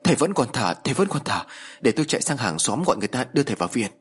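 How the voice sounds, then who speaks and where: A man's voice: medium pitch, very animated, slightly rough. A man voicing an outspoken older woman from the village who talks bluntly. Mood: brisk. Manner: blunt, quick.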